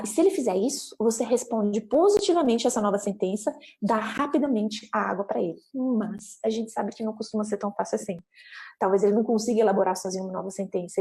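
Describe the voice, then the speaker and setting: A woman giving parents guidance in an animated explainer talk, acting out little scenes. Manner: animated, acts out parent and child lines with big pitch jumps.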